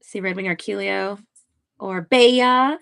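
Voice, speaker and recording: A woman's voice: medium pitch, slow, gravelly, fairly bright tone, clear, resonant tone. A young woman, a webcomic artist, chatting casually and giddily on a livestream while she draws. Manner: bubbly, giddy, chatty.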